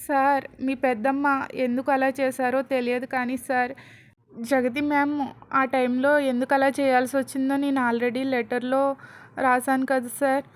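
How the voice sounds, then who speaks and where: A gentle young wife speaks softly and earnestly to soothe her husband, as a woman narrator reads her part. The voice stays high and plain, as in a spoken storybook. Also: flat delivery, moderate pace, clear, resonant tone, lightly acted. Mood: consoling.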